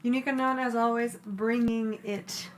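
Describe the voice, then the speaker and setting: A woman's voice: a little high, fairly even intonation, moderate pace, a little hiss or hum, poor audio. A woman hosting an open mic, chatting with the performer in an encouraging way. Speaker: host. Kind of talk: casual chat.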